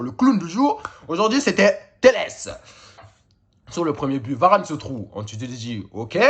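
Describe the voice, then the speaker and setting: A man recapping a football match in a casual video, exasperated and mocking, swinging between high outbursts and low mutters. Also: fairly bright tone, slightly rough. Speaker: football fan commentator.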